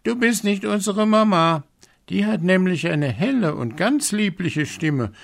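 A man voicing seven young goat kids in a storybook reading, with a high shrieking chorus voice. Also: expressive, unhurried, vocal fry, exaggerated voice. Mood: defiant. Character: seven frightened little goat kids, child-high, shrill.

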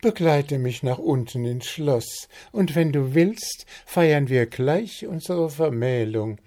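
A man voicing a male bird who plays a sleepy princess in a storybook, speaking in a high, dreamy, sweetly affected way. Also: lively intonation, slow, warm tone.

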